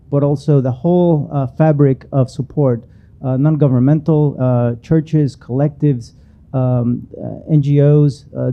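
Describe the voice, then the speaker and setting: A man speaking on a conference panel, thoughtful and hesitant, with many pauses and filler sounds. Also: medium pitch, dull audio. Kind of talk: panel discussion.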